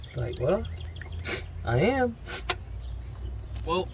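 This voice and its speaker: Animated slangy guy, higher voice. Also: extremely slow, creaky, noisy background. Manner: animated, slangy, says "man" and "bro" a lot. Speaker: vlogger working on his brother's truck. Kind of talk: casual chat while working.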